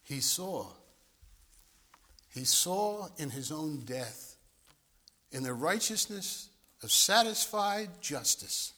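Male preacher at a pulpit mic in church, real slow and deliberate, repeats himself, builds to big emphatic peaks. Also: sing-song, bright, forceful tone. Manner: deliberate, repeats words, swells to emphatic high points. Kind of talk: sermon.

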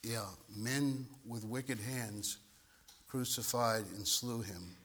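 A man preaching a sermon in a church at a pulpit microphone. He speaks deliberately, repeats words and swells to emphatic high points. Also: steady tone, fairly bright tone, slight background noise.

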